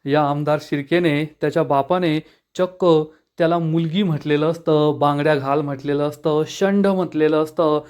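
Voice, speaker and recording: Emphatic male storyteller, slightly high voice. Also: fairly even intonation, normal speed, few pauses, a little mellow, smooth. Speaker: serial episode recap narrator. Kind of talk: dramatic story retelling.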